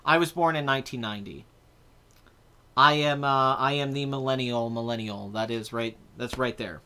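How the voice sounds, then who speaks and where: A man's voice: mid-range voice, normal speed, sharp tone, smooth. A man in his twenties hosting a casual live chat about movies, rambling and correcting himself as he answers viewer comments. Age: 20s. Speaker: host.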